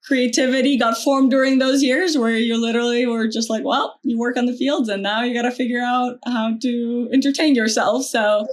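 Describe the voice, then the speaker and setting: Woman, animated guest. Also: a little high, moderate pace, few pauses, a little hiss or hum. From Ukraine. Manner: animated, frequent fillers. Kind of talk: casual interview talk.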